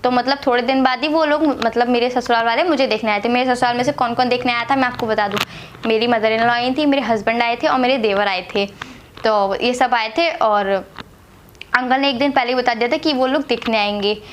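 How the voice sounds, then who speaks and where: A woman's voice: fairly high pitch, a little fast, slight background noise. A young woman from Agra, India, telling a personal story to camera in a chatty way, repeating herself and using many fillers. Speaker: vlogger telling her marriage story.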